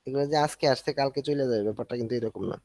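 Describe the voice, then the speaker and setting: A man leads an online class, his voice sitting in an ordinary middle pitch. He explains things step by step in a relaxed, conversational way. The sound is dry, with no room echo. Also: very fast. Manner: conversational, explaining step by step while showing a screen. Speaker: instructor.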